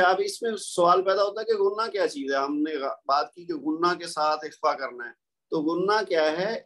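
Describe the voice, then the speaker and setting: A man with a Pakistani Urdu accent gives a patient, step-by-step recorded lesson in a slightly raised voice. He stops often to recite the examples slowly and carefully, keeping a plain, steady teaching manner. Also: a little high.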